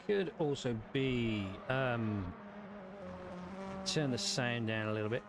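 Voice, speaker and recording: A man's voice: medium pitch, takes it slowly. A man giving casual, matey livestream commentary on a sim race, chatting informally with some mild swearing. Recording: noisy mic with engine sounds.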